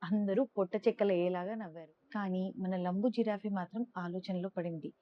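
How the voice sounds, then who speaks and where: A woman reads a children's bedtime story aloud, lively and expressive, in a middle-pitched voice. The recording sounds a little dull and muffled. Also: brisk. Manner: lively, expressive, raises pitch for characters' lines. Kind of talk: storybook narration with character voices.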